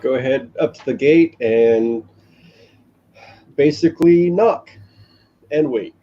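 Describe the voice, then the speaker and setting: A man's voice: medium pitch, slow, mellow, muffled recording. A man playing a tabletop role-playing game, talking casually and speaking for his character.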